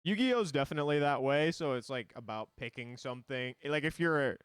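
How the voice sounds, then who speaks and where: A man's voice: medium pitch, lively intonation, a little fast, smooth, no echo, clean studio sound. A man streaming a card game, explaining it in loose, rambling casual talk full of fillers.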